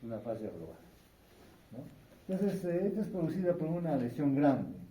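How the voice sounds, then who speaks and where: A man's voice: fairly high pitch, big pitch swings, normal speed, warm tone, distant mic. A man giving a conversational medical lecture on neurology, often checking in with tag questions. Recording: echoey room, speaker away from mic, faint ambience.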